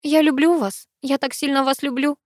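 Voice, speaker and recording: A woman's voice: high-pitched, fairly even intonation, moderate pace, dry recording, clean studio sound, voice pushed up, lightly acted. A woman voicing a hurt young female student who presses with pointed questions, in an audiobook. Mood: heartfelt.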